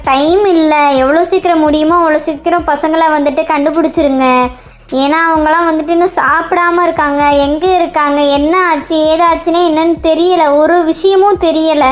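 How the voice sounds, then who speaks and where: A woman's voice: extremely high pitch, steady tone, normal speed. A woman voicing a tearful mother begging a police officer to find her missing children, in a cartoon. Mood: urgent. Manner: pleading, begging. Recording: music faintly behind.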